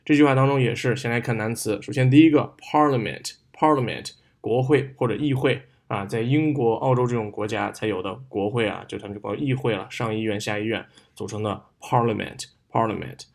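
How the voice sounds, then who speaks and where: A man teaching an English exam lesson, speaking Mandarin-accented Chinese and English, patiently explaining words and modeling stress and pauses. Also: fairly low pitch, creaky, a little mellow. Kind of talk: recorded lesson explaining a reading passage.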